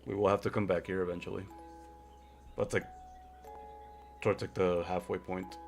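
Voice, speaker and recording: A man's voice: sits low, little pitch movement, normal speed, creaky. A man giving casual gameplay commentary as a streamer. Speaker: game streamer. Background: game music.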